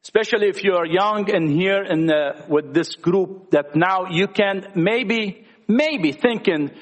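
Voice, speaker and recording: Speaking earnestly and at length to young people at a church gathering, a man from Lebanon gives his personal testimony. His voice is high-pitched and a little slow, echoing around the hall.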